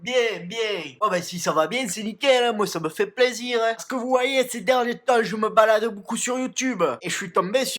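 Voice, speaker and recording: High-voiced boastful macho joker. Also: male voice, a bit bright. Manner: crude, boastful macho bravado, tagging lines with "hein". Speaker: comedy YouTuber in character. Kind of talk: comic fake beauty tutorial. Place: home bathroom.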